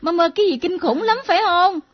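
Young daughter in a radio drama, acted by a woman, high bouncy voice, exclaiming, dull recording. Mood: excited. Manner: quick, exclaiming, teasing. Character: excitable young adult daughter, teasing.

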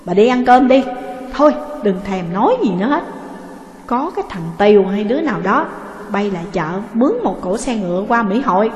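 Lady playing a loud angry old dad, scolding, big echoey room. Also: mid-range voice, lively intonation, brisk, dull audio, lightly acted. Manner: shouting, scolding. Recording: echoey room with long reverb.

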